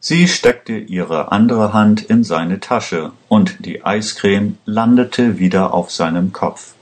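A man reading a story aloud in a slow, measured way. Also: fairly low pitch. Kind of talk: scripted storybook narration.

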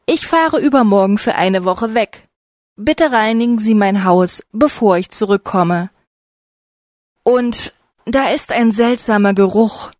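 A friendly, eager young man speaks politely in a slow storybook reading, as a woman reads his part. His voice sits a touch higher than the narration. The sound is close and dry. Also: a little mellow, no echo, close to an everyday voice.

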